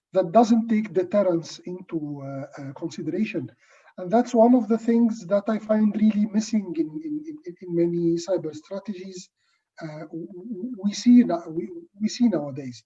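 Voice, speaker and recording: Dark, husky man, muffled call audio. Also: high voice, recorded from a distance. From Egypt. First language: Arabic. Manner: halting, repeating words and restarting. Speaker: panelist. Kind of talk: panel discussion.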